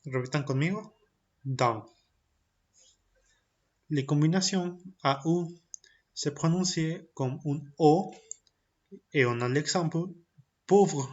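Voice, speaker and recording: A man with a slightly high voice, recorded in lo-fi, teaches French to young children in a primary-school lesson. Each point comes in French and then Spanish, and he drills pronunciation slowly and deliberately.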